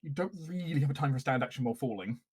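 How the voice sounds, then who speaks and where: Lively quick-talking husky man. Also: medium pitch, over a noisy crowd. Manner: quick, lively rulings and scene description. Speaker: game master. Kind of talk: narrating a tabletop game.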